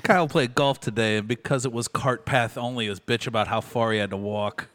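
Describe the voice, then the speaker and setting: A man with a bright, forceful voice, co-hosting a casual podcast. He needles his friends with dry humor as they chat. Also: medium pitch, brisk. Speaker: podcast co-host.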